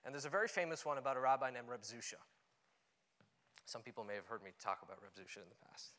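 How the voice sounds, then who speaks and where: Fast and fairly bright, this mid-range male voice belongs to a young Canadian conference speaker on an auditorium stage. His talk is earnest and conversational, full of "you know," and the audio shows long hall reverb.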